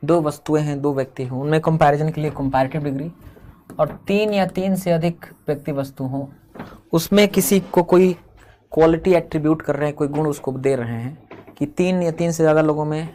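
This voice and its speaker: A man's voice: on the high side, fairly even intonation, warm tone, a little hiss or hum. A man teaching a grammar lesson, explaining step by step and drawing out each example word. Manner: explains step by step, slows and drags out example words.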